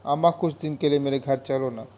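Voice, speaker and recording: A man's voice: mid-range voice, steady tone, a little fast, warm tone, highs cut off, lightly acted. A man voicing a lonely, devout Bengali man with a Bengali accent, speaking earnestly and pleadingly.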